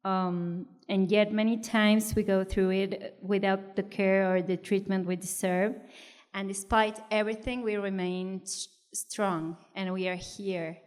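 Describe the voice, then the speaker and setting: A woman sharing her experience in a live group discussion, earnest and halting as she searches for words. Her voice carries the long reverb of a conference hall. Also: medium pitch, steady tone, a little mellow, clear, resonant tone. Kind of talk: personal testimony in a group discussion. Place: conference room at a live event.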